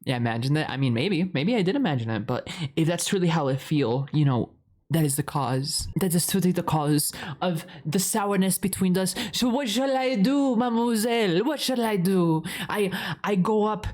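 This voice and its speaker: A young man plays a chatty, lovestruck boyfriend in an improvised ASMR roleplay, rambling in a giggly, playfully dramatic way and swearing often. His voice sits high and is expressive and darkish, at a moderate pace.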